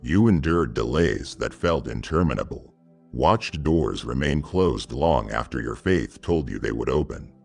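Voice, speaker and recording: A man giving scripted devotional narration in the voice of God, solemn and measured, speaking intimately to the listener. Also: a bass voice, animated, creaky, breathy edge, soft background music.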